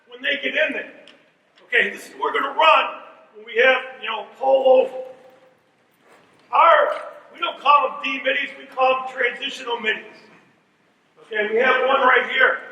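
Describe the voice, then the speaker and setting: A man's voice: very high-pitched, gravelly, sharp tone, slight background noise. A middle-aged man, a college lacrosse coach, giving a direct clinic talk and checking in with "okay?" after his points. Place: large room at a coaches' clinic. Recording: echoey hall, voice far from the mic.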